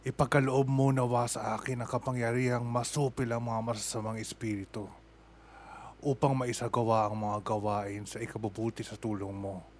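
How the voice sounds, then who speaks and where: A man's voice: mid-range voice, level tone, normal speed, slight background noise, close to an everyday voice. A man playing an alarmed old care-home resident. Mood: solemn prayer. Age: older. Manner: loud and alarmed, then solemn in prayer. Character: elderly male care-home resident who prays against evil. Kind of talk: radio drama acting.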